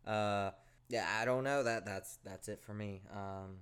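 A man's voice: on the low side, fairly even intonation, unhurried, a bit bright, slight background noise. A man in his twenties co-hosting a podcast, rambling in casual chat, swearing and poking fun at himself. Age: 20s. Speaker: podcast co-host.

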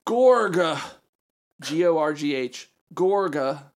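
A woman co-hosting a comedy podcast, reading fan fiction aloud with deadpan delivery and wry asides. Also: low voice, normal speed. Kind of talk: casual comedic read-aloud.

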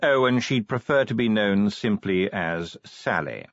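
A man's voice: fairly low pitch, expressive, no echo. A man doing a suave, calculating city ruler. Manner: suave, measured, politely evasive. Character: smooth, calculating older male city ruler. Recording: dry, slightly dull audiobook recording.

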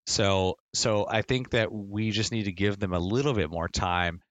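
A man co-hosting a casual sports podcast, a soccer fan, talks earnestly and rambles, repeating phrases to build his point. His voice is fairly low pitched at normal speed. The recording is dry, with the highs cut off.

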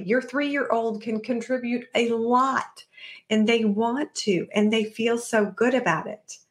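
Upbeat woman podcaster. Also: a little high. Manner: chatty and upbeat, acts out quoted kids and moms. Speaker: podcast host and parenting coach. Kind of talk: casual solo podcast talk.

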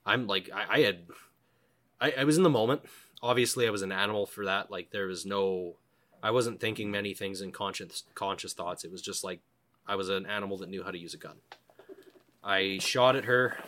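A man in casual conversation telling a survival story, profane and animated, often acting out his own thoughts. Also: deep voice.

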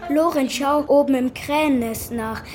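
A woman's voice: sits high, a little slow. A woman playing a cheeky crew member in a seafaring audio drama. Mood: brisk. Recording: busy chatter behind the voice.

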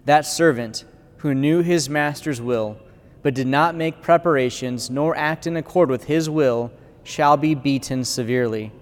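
A man's voice: medium pitch, measured pace. A clergyman reading the gospel and preaching a conversational homily in a church with a cathedral-like echo. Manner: conversational preaching with fillers, bursts of loudness. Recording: long church reverb.

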